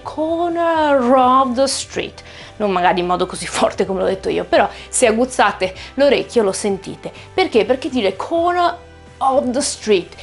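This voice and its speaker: A woman, a native Italian speaker, teaching an English pronunciation lesson in a lively, explanatory way, slowing down to stretch and repeat example words. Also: mid-range voice.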